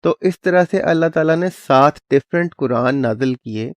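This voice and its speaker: In a medium-pitched voice free of echo, a man hosts his channel and walks through a clip in a simple, conversational way, mixing in English words.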